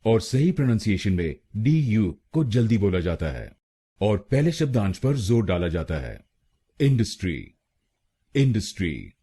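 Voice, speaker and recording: A man, teaching pronunciation slowly and carefully, repeating each word twice. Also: lowish voice, mellow, slightly rough. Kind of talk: instructional voice-over.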